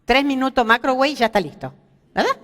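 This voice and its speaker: A woman's voice: sits high, a little fast, in a large hall. A woman teaching a Bible lesson at a women's seminar, asking her listeners questions and joking about herself. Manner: lively, asks the audience questions, jokes about herself. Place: church hall.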